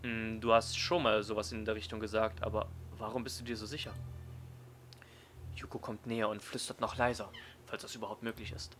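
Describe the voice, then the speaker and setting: A man reading a visual novel aloud as a let's player, in an expressive storytelling style. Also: fairly low pitch, fairly quick, faint music behind.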